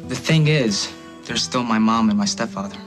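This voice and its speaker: A young actor playing a resigned teenage boy in a daytime soap, talking quietly. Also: mid-range voice, moderate pace, over music, natural voice. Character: teenage boy facing a custody move.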